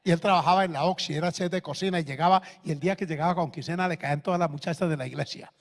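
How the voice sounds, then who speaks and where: A man pastor with a Colombian accent, preaching a sermon that swings between loud exhortation and hushed anecdotes. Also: a little high, racing, in a large hall. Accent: Colombian Spanish.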